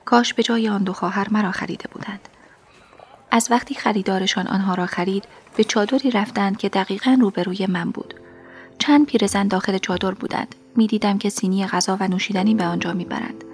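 A woman reading a first-person story aloud as an audiobook, in a soft delivery that often drops to a half-whisper. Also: mid-range voice, steady tone, soft background music. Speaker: audiobook narrator.

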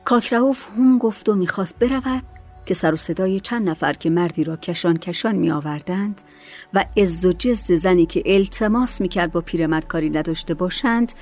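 A woman narrating a story in a soft, hushed reading voice. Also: lowish voice. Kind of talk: audiobook narration. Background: faint music.

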